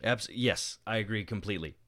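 Low-voiced guy on a pod, eager, laughs a lot, dry close sound. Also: pushed and bright, dry recording. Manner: enthusiastic, agreeable, quick laughs. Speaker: podcast co-host. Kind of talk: casual discussion.

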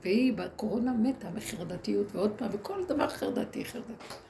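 A woman's voice: mid-range voice, vocal fry, warm tone. A woman speaking as a rebbetzin to a women's group, telling stories animatedly and acting out the people she quotes, recorded live in a noisy room. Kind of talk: storytelling talk to an audience.

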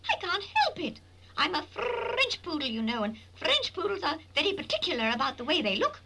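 A woman's voice: extremely high pitch, huge pitch swings, fairly quick, vocal fry, recorded from a distance, noisy background, full character voice. A woman voicing a vain, snooty poodle in a children's puppet show, prim and fussy, with an English accent.

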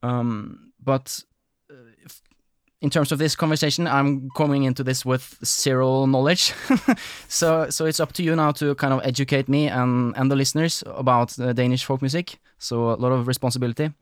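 A man's voice: mid-range voice, fairly even intonation, normal speed, clean tone, no echo, clean studio sound. A man from Norway hosting a podcast interview, talking in a rambling, apologetic way with many fillers. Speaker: podcast host. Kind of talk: casual interview chat.

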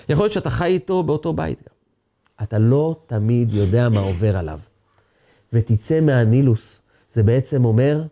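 A man's voice: medium pitch, warm tone. A man giving an earnest sermon as a rabbi, acting out quoted speech as he teaches.

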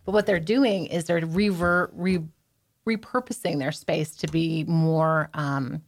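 Lower-voiced woman telling stories. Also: a little slow. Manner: animated storyteller, laughs easily. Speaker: HR recruiter and podcast guest. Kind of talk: casual podcast chat.

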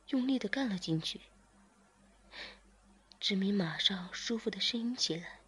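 A woman reading an adult story aloud in whispered role-play, hushed and unhurried. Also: mid-range voice, slightly rough.

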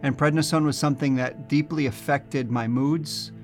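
A man from New Jersey, a scholar, telling his personal testimony in an animated storytelling way. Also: medium pitch, normal speed, soft background music.

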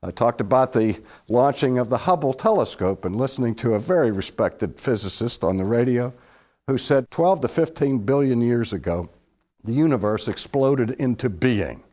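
Male theology lecturer, expressive, mid-range voice, questions the room, live audience. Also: normal speed. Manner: expressive, swings between loud emphasis and hushed low asides. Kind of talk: classroom lecture.

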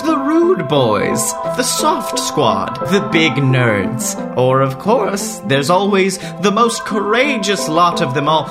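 A man's voice: sits high, voice pushed up, heavily acted. A man voicing a theatrical male wizard headmaster who announces everything grandly.

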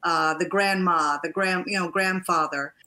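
Here the Trinidad-born coach, who came to the US around age eight, speaks at a measured pace in a fairly low, fairly even voice. Her tone is bright and forceful as she shares effusive personal stories as a life and divorce coach on an interview.

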